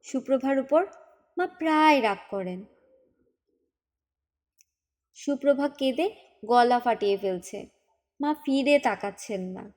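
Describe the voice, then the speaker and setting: A woman narrating a novel as an audiobook in a calm, unhurried storytelling manner. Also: sits high.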